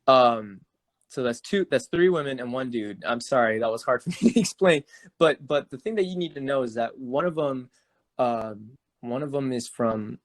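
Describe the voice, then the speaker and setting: A young man chatting on a casual podcast. He tells his story loosely, fills it with "like" and restarts his sentences, at an ordinary pitch. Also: moderate pace. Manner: animated storyteller, full of "like" and restarts, laughs often. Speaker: podcast co-host.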